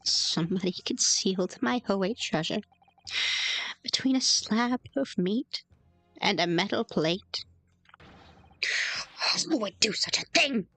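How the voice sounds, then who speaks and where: Woman doing a grand theatrical old shop guy voice for a game, bright tone, dry close mic. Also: mid-range voice, lively intonation, takes it slowly, long pauses, no echo, heavily acted. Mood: pleading. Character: melodramatic old male antique shop owner. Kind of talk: video game voice dub while streaming.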